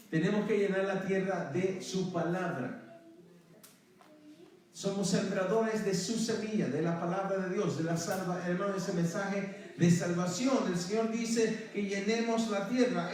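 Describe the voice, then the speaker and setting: A male pastor preaching a sermon to his congregation, often calling them "hermano" and breaking into praise. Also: sits high. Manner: calls out to the congregation, repeats "hermano" and praise phrases. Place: church sanctuary. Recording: very echoey church hall from far off.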